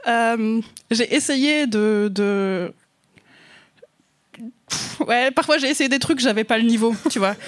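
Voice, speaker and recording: A woman's voice: a little high, slow pace, long pauses. A woman writer with a French accent, guesting in a casual chat, hesitant and self-mocking, with many fillers.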